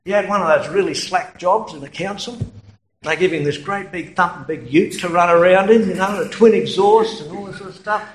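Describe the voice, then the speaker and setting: A man's voice: high voice, a little fast, echoey room, slight background noise, low-quality recording. A man with an Australian accent preaching a sermon in a conversational way, telling anecdotes and chuckling at his own stories.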